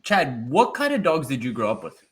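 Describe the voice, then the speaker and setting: A man's voice: mid-range voice, huge pitch swings, normal speed, slightly rough. A man hosting a podcast interview, giving earnest, emphatic advice to listeners in a casual way. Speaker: podcast host.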